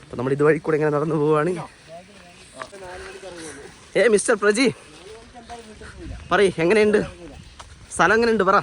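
A man's voice: high voice, normal speed, pauses often, a bit bright. A Malayali man doing casual walking commentary for a vlog outdoors, mixing English slang into his Malayalam, with heavy noise. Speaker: vlogger. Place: outdoors on a muddy, rainy trail. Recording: very noisy, windy outdoor recording.

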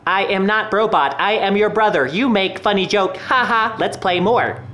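A man putting on a flat, stiff robot voice. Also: high-pitched, slight background noise. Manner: slow, flat, monotone robot voice. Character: robot posing as a man's brother, flat and stiff. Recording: echoey room with faint music.

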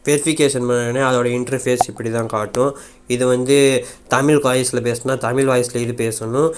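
A tech YouTuber casually walks viewers through a phone app, rambling informally and repeating filler phrases. His medium-pitched voice is fairly even at a moderate pace, with faint background noise.

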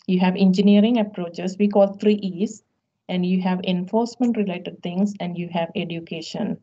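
A middle-aged woman, a professor as featured guest, answering questions in a measured, explanatory way with frequent ums over a video call. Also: on the low side, fairly even intonation, mellow. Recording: dull lo-fi video call audio.

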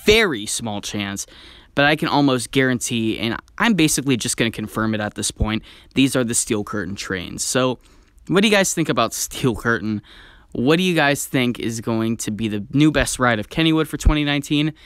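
A man talking in an excited, chatty way as a theme park vlogger, sharing strong opinions in video commentary. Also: medium pitch, moderate pace, clean tone, no echo.

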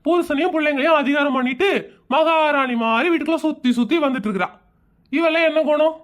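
A woman's voice: high voice, fast, lightly acted. Woman voicing a grumbling cartoon husband. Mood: aggrieved. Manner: complaining straight to the audience. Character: grumbling husband, adult man, aggrieved complainer. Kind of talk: cartoon comedy voice acting.

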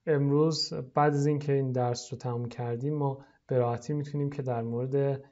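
A teacher recording a video lesson, talking pupils through a short dialogue. The English lines come very slowly, word by word, between quicker stretches of explanation. The voice sits at a middling pitch, and the recording sounds a little dull. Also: fairly even intonation, darkish tone.

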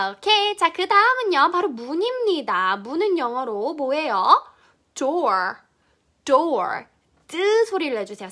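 A young woman teaching a children's pronunciation lesson, her voice high and bright. She talks at an unhurried pace and repeats each word clearly. Her pitch rises and falls in a very lively way.

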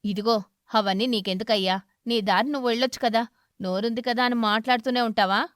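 A hot-tempered crow husband in a cartoon story, loud and harsh as he scolds, with a woman narrator putting him on. The voice is dry and close. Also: a little high, steady tone, a little fast, no room sound, close to an everyday voice.

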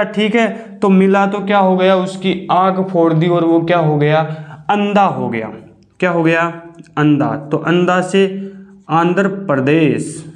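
A man teaching a classroom lesson, asking questions and answering them himself, stretching out the key words. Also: high voice. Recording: echoey room.

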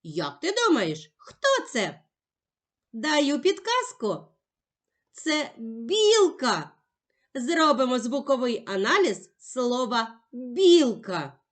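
A woman teacher giving a slow, clearly articulated lesson for young children. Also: high-pitched, very animated.

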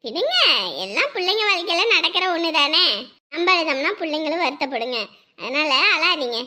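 A woman's voice: very high voice, expressive, brisk, pushed and bright, full character voice. A woman playing a cheerful, fussing middle-aged mother-in-law in a family drama.

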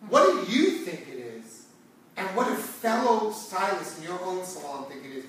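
A middle-aged man, a hair stylist hosting a salon talk show, speaks conversationally and educationally to viewers, stressing points emphatically and repeating phrases. His voice is high and fairly bright with big pitch swings at a moderate pace. A distant camera mic in the echoey indoor salon seating area catches background hiss.

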